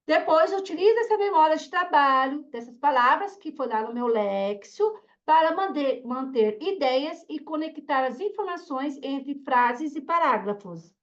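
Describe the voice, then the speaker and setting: A woman's voice: high voice, expressive, measured pace, highs cut off. A woman teacher with a Brazilian Portuguese accent giving an online course lecture, explaining step by step and checking in with her students with short questions. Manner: explanatory, asks the class questions, frequent "tá?" and "né?".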